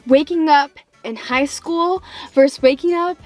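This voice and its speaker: A young woman vlogger in a casual, comedic rant to viewers, chatty and animated as she complains with exaggerated emphasis. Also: high-pitched, measured pace. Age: late teens to young adult. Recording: music behind the voice.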